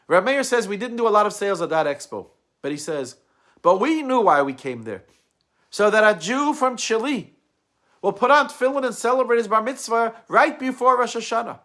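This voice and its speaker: A middle-aged man, a rabbi, telling a story in a sermon, animated, with big swings between loud emphasis and quiet asides. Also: high voice.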